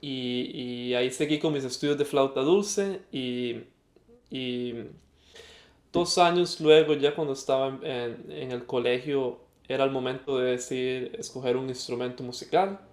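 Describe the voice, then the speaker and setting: As a guest on an interview, this young man from Costa Rica recounts his story thoughtfully, pausing with fillers. He's a musician with a Costa Rican accent, and his medium-pitched, darkish voice is unhurried and sounds roomy.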